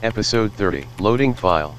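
A man's voice: fairly low pitch, animated, a little fast, slight background noise. A synthesized male-sounding computer voice announcing that a system is booting up and loading, in clipped status messages. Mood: flat, mechanical. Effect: robotic synthesized voice. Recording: distant voice over electronic music. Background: dubstep electronic music.

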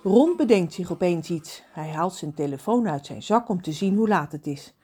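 A woman narrating a children's audiobook in an expressive, storytelling manner. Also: lowish voice, normal speed, soft background music.

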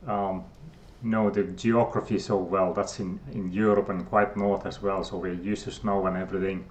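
A middle-aged Finnish man with a Finnish accent, a guest scientist, talks hesitantly in a casual interview, with many fillers and restarts. His voice sits low and is delivered flat at a moderate pace, and the sound is lo-fi.

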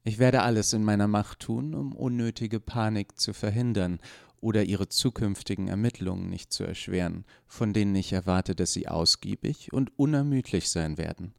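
A man's voice: on the low side, moderate pace, vocal fry, darkish tone, no echo, studio quality. A man reading the part of a composed, diplomatic woman professor with a formal, soothing manner.

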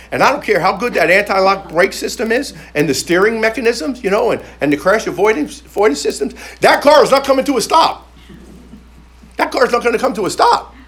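Animated storytelling preacher man. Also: high voice. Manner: animated, repeats phrases for emphasis; frequent stammered restarts. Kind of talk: storytelling sermon.

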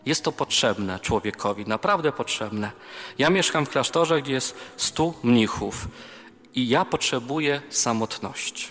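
A man's voice: medium pitch, animated, measured pace, a bit bright. A man, a priest, giving a conversational youth retreat sermon, mixing scripture with self-deprecating personal stories in a large chapel hall. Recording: reverberant hall with faint music.

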